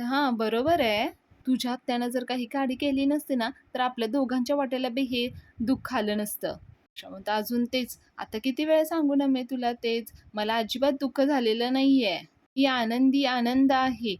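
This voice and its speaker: A woman's voice: fairly high pitch, no room sound. A woman retelling a TV serial episode, acting out the characters' lines as she goes. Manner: lively retelling, her voice rising for each quoted character's line.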